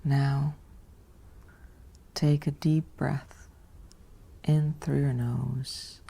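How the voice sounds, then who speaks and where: Whispering softly in ASMR style, a woman with an extremely low-pitched, mellow voice guides listeners toward sleep, with plenty of vocal fry. Her phrases are short and evenly soothing, spaced by long pauses.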